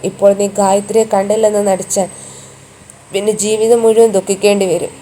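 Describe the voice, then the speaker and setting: A woman's voice: mid-range voice, little pitch movement, fairly quick, mellow, a little hiss or hum, close to an everyday voice. A woman reading the part of a blunt male friend who lectures and scolds in a firm tone. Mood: lecturing.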